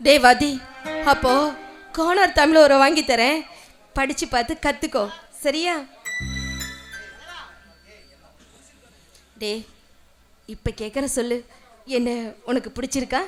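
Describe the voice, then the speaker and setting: An actress playing a young woman in love who speaks in a tearful, halting, stammering way in film dramatic dialogue. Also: high voice, music in the background, natural voice. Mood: teasing. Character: young woman, emotional, teasing her beloved.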